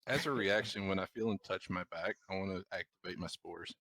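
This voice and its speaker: Creaky-voiced tabletop player, close and dry. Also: sits low, a little fast, a bit bright, no echo. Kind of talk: casual game talk.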